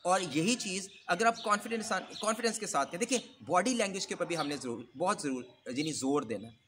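A man's voice: high-pitched, animated, brisk, a bit bright, a little hiss or hum. A man teaching English pronunciation in Urdu mixed with English, modeling sample phrases for learners. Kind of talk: Urdu-English accent lesson.

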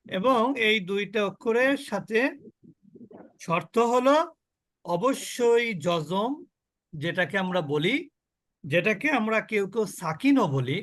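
A man teaching a Quran recitation class, explaining slowly, asking and answering his own questions, and demonstrating each sound over and over. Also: sits high, lively intonation, fairly bright tone, no room sound. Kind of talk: online tajweed class.

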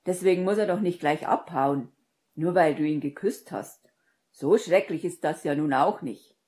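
A woman reading an audiobook and voicing a hot-headed young man in a loud, blunt, exasperated manner. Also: deep voice, moderate pace, lightly acted.

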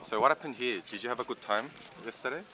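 A man's voice: medium pitch, quick pace, sharp tone. A young man filming a vlog behind the scenes, teasing and joking with swearing. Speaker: vlogger, holding the camera. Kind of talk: casual chat.

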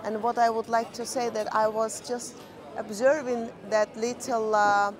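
A woman's voice: a little high, little pitch movement, unhurried, music in the background. A woman co-hosting a travel vlog, chatting casually and searching for words as she walks along a busy outdoor harbour at night. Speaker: vlog co-host. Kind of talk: casual chat while walking. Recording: noisy crowd behind. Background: crowd chatter.

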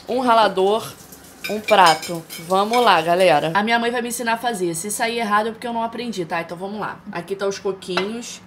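Recording on a phone held at arm's length in her home kitchen, this thirty-something vlogger talks fairly quickly at a medium pitch over slight background noise. She keeps things chatty and joking throughout her cooking vlog, often at her own expense.

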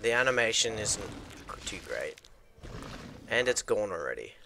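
A man chatting casually with a friend while playing a video game, teasing and quick with remarks. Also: fairly low pitch, very animated, creaky. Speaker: gamer. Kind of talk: casual gameplay chat.

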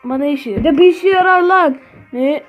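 A woman with a Turkish accent giving live commentary on her own gameplay, swearing and shouting at opponents. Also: high voice, brisk, dull audio. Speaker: gaming channel host. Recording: faint game music behind.

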